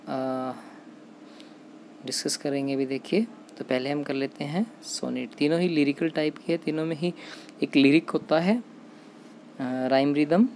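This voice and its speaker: A teacher with an Indian accent giving an exam-prep lecture. The teacher keeps calling out to the students, repeats key terms, asks questions and answers them, and reads English lines slowly before explaining them. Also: medium pitch, a little mellow, a little hiss or hum.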